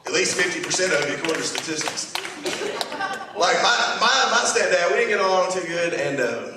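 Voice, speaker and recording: A man performs folksy stand-up in a conversational, self-deprecating way. His voice sits a little high. The live recording is distant and very echoey, with clear noise around him. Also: expressive, a little fast. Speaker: stand-up comedian. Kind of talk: stand-up comedy before an audience. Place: live comedy show stage.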